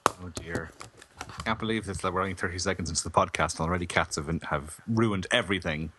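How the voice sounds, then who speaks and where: A man's voice: low-pitched, fast, bright, forceful tone, slight background noise. A man co-hosting a casual film podcast in a playful, mock-dramatic way. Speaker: podcast co-host. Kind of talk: casual comic film chat.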